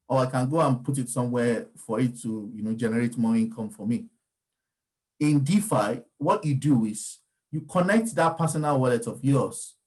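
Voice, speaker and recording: The crypto market commentator, a native Yoruba speaker, explains markets casually in a medium-pitched, darkish voice. His talk meanders, full of ums and restarts, and the audio quality is poor.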